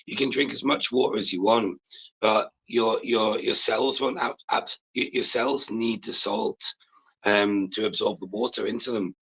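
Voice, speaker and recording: A man in his forties with a raspy smoker's voice, chatting casually and matily as a guest caller. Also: on the low side, a bit bright, highs cut off. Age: 40s. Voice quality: smoker's rasp. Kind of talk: casual chat.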